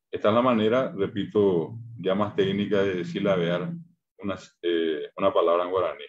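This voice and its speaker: The highs are cut off as a low-voiced man with a Paraguayan Spanish accent leads a Guarani class on a video call. It's an online language lesson, and he patiently and slowly sounds out every syllable separately.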